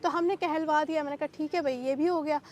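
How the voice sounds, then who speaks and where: A woman being interviewed, recounting a painful personal ordeal in agitated speech, mixing English into Hindi and asking sharp rhetorical questions. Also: high-pitched, steady tone, fast. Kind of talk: emotional personal account.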